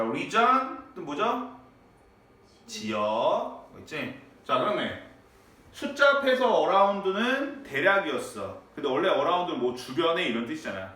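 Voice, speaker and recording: Lively male teacher in an echoey classroom. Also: a little high. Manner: lively, quizzes students with frequent tag questions. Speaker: high school English teacher. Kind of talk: classroom lecture. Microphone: far from the mic. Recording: echoey classroom, distant mic, faint noise.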